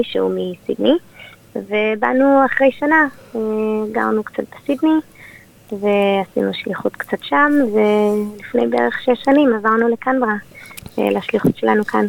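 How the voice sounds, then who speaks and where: A woman with an Israeli accent, born in Australia and raised there and in Israel, is a community leader guesting on a radio interview, speaking conversationally and explaining things. Her voice is mid-range and creaky, and the radio sound is dull and lo-fi.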